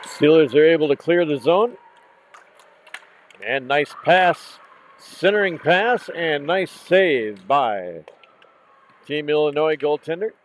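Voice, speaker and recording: A man calling a junior women's hockey game play by play, hoarse from losing his voice, calm and unhurried, correcting himself now and then. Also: a little high, slight background noise, low-quality recording. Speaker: play-by-play commentator. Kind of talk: live hockey commentary. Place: outdoor rink in cold weather.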